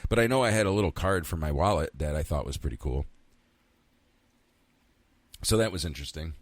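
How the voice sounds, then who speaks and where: A man's voice: very deep voice, animated, fairly quick, dry recording. A man in his fifties from central New York, hosting a casual solo podcast, rambling and candid, swearing freely and talking to himself. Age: 50s. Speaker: podcast host.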